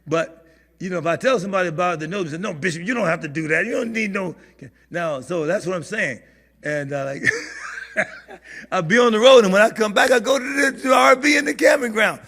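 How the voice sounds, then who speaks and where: A man preaching as a bishop at a church prayer meeting, animated and laughing, sometimes rising to shouts. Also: high voice, husky. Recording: hall reverb.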